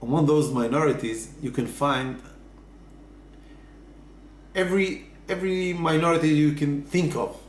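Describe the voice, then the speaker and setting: Man, interviewee, earnest and hesitant, echoey room, faint hiss. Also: a little high. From Israel. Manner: earnest, halting, with many fillers. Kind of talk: casual interview answers.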